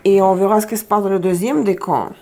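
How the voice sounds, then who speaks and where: A woman's voice: mid-range voice, steady tone, quick pace, warm tone, slight background noise. A woman giving a casual tarot reading, chatty, often searching for words and repeating herself. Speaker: tarot reader.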